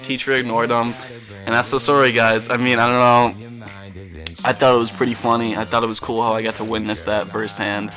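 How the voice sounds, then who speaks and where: A teenage guy recording casual commentary, telling a story in a rambling, slangy way with some mild swearing. His pitch is average for a male voice, and faint music plays behind him. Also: little pitch movement, a little fast, sharp tone. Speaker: gameplay commentary video creator.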